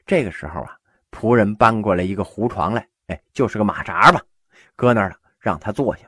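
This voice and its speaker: A man telling history humorously, animated and acting out the characters. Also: fairly low pitch, brisk, breathy edge, dry recording, clean studio sound. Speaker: storyteller.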